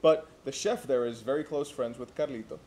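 A young man from Santiago co-hosts a casual chat and tells stories in an easy, rambling way, laughing and restarting his sentences. His voice sits at a medium pitch, and there is a faint hiss of noise behind him. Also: brisk. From Santiago, Dominican Republic. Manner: relaxed storytelling with laughs and restarts. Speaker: co-host.

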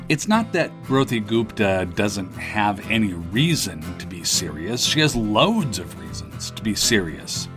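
A man's voice: mid-range voice, fairly bright tone. Male podcast host with dry humor. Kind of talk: scripted narration and casual interview.

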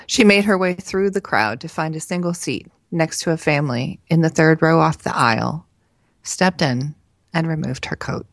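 A woman podcast co-host reading a novel excerpt aloud with steady, even narration. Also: deep voice, moderate pace, dry recording.

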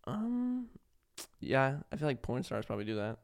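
A gravelly, sing-song male voice of medium pitch, at a moderate pace, belongs to a prank video maker chatting casually on a podcast. He rambles through a story, restarting often and saying "like" a lot.

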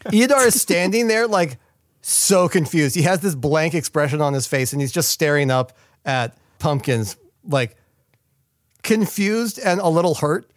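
Guy playing a tabletop rpg, chatting casually, bouncy pitch, dry mic. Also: lively intonation, measured pace, no echo. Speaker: tabletop game player. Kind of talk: casual improvised game chat.

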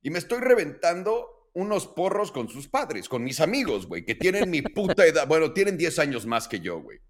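A man's voice: a little high, normal speed. A man in his late thirties with a Mexican accent, co-hosting a casual podcast chat and telling stories full of slang and swearing. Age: late 30s. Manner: animated, swearing slangy storyteller. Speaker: podcast co-host.

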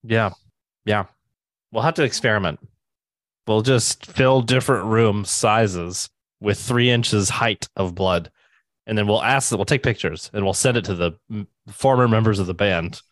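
A man's voice: fairly low pitch, a little slow, dry recording. A man co-hosting a casual podcast, telling joking stories and swearing freely. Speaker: podcast co-host.

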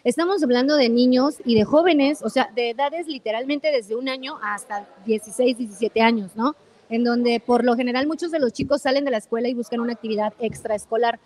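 A woman with a Mexican accent co-hosting a talk show, lively and asking long questions. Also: a little high, brisk. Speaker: co-host. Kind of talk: casual talk-show chat.

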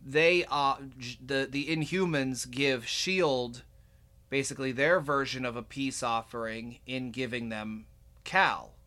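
Bright-voiced man hosting a podcast. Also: medium pitch, unhurried. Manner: rambling, many fillers and restarts. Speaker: podcast host. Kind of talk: casual podcast chat.

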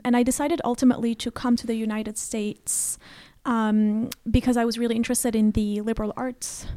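A woman from Morocco speaking as an academic guest in an interview, thoughtful, with many pauses and fillers. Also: fairly high pitch, mellow, no room sound, studio quality. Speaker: guest, assistant professor of French. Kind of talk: conversational interview.

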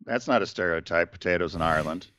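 A man's voice: sits low, fast, pushed and bright, dry recording. A man co-hosting a casual business talk show, rambling with many fillers and restarts. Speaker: podcast co-host.

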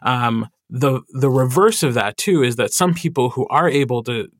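A man who narrates audiobooks, chatting in a podcast interview with lots of fillers and animated asides. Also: medium pitch, moderate pace.

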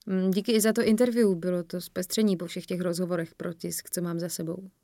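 A woman voicing a friendly young female pop star who speaks warmly and graciously, in an audiobook reading. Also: on the low side, little pitch movement, no echo, clean studio sound, natural voice. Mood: grateful.

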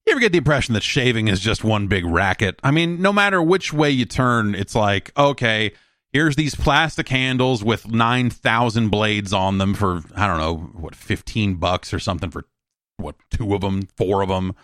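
On his solo podcast, this male host talks at a moderate pace in a voice on the low side, animated and a little bright. He rambles wryly and informally, switching from casual chat to host-read ad spots. The sound is clean and studio-grade, without any echo.

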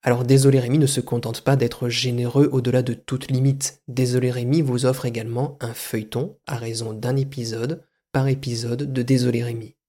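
A man hosting a comedy podcast alone, delivering an absurd monologue in a deadpan, mock-grandiose manner. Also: medium pitch, a little fast, few pauses. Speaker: podcast host.

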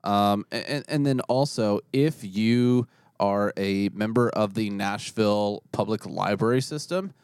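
A man co-hosting a podcast in casual chat, talking in halting, restarting sentences. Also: lowish voice, a little mellow, clean tone, no room sound, studio quality. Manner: chatty, halting, lots of restarts. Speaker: podcast co-host.

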